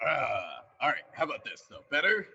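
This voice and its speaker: A man's voice: a little high, wildly swooping pitch, normal speed, vocal fry, sharp tone, husky, distant mic. A man on a live stream playing a tabletop game, talking in a laid-back way while his microphone gives his voice a hollow, cave-like echo. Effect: hollow cave-like echo on his mic. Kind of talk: casual chat on a live stream. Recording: dull, muffled home mic with cave echo.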